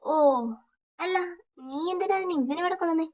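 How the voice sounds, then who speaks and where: A woman's voice: very high voice, normal speed. A woman voicing a blunt young man who keeps questioning his friend. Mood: bemused.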